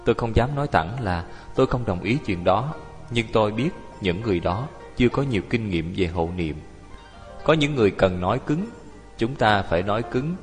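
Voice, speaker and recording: A low-voiced man delivers a Buddhist dharma talk as a lay teacher. He tells his stories vividly and acts out the people he quotes. His voice rings with a long hall reverb over faint music. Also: animated, moderate pace. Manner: storytelling, acting out the people he quotes.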